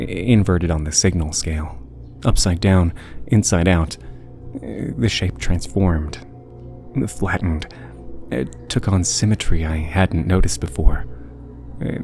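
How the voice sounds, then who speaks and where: A man tells a scripted horror story in the first person. His voice sits very low and is dark and mellow in tone, with a haunting, hushed delivery. Faint music plays behind him.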